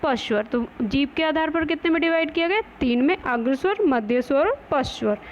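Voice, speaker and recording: A woman's voice: high-pitched, expressive, fairly quick. A woman teaching a Hindi grammar lesson, who asks questions and answers them herself and mixes in English words. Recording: dull lo-fi recording with faint noise.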